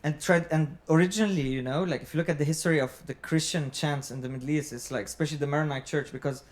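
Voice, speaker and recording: A man's voice: on the high side, fast. A man in casual conversation, explaining things in an informal way. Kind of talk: casual conversation about music and culture.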